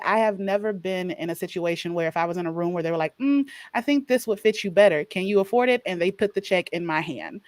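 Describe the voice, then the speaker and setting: A woman's voice: fairly low pitch, dry recording. A woman makes her point earnestly and with emphasis. She speaks on a video call with dry, close audio. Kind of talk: casual panel discussion.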